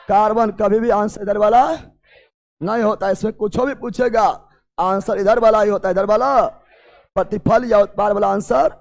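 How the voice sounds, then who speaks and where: A male teacher running a chemistry class, firing the same questions again and again and often shouting or half-singing. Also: high voice, vocal fry. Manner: loud drilling questions, often shouting and sing-song. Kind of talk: classroom chemistry lesson with call-and-response.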